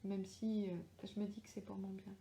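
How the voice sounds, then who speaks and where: Recording at home in Australia, where the room gives her voice a clear echo and slight background noise, a middle-aged woman with a strong French accent chats with readers in a relaxed live Q&A. Her pitch is medium and her pace moderate; as an author answering questions, she's mellow but hesitant, frequently searching for words amid fillers and restarts.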